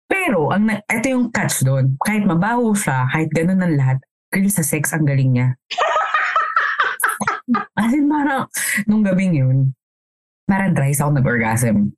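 Woman around thirty, podcast co-host, frank swearing storyteller, lowish voice. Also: sing-song, unhurried, pauses often, darkish tone. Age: 30s. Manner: candid, profane storytelling with lots of fillers. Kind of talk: casual chat.

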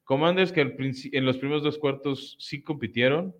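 A man's voice: medium pitch, normal speed. A man co-hosting a casual sports talk show, breaking down games analytically. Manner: analytical, frequent fillers. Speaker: podcast co-host. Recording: muffled lo-fi audio.

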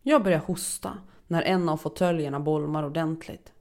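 A woman narrating a first-person horror story in a steady, dark storytelling manner. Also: sits low.

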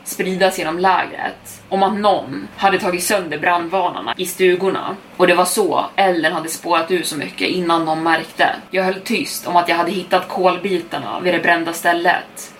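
A woman's voice: fairly low pitch, steady tone, a bit bright, slight background noise. A young adult woman narrating a scripted first-person horror story for a podcast, reading steadily and speeding up in tense passages.

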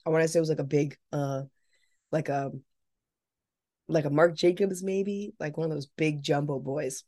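A young adult woman co-hosting a podcast, telling an animated, casual story with some swearing. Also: low voice, normal speed. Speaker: podcast co-host. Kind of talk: casual chat.

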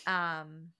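A woman's voice: low-pitched, bright, forceful tone, clear, resonant tone. A woman in her thirties co-hosting a casual podcast, speaking reflectively and meandering through her ideas with many fillers. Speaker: podcast co-host.

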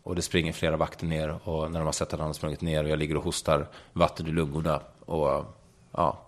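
A man's voice: very deep voice, flat delivery. A young man speaking frankly in an interview, retelling a personal story vividly and swearing casually. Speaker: guest.

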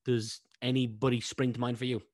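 A man's voice: mid-range voice, flat delivery, fairly quick. A man hosting a business podcast, asking questions in a friendly, upbeat way. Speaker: podcast host. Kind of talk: interview hosting.

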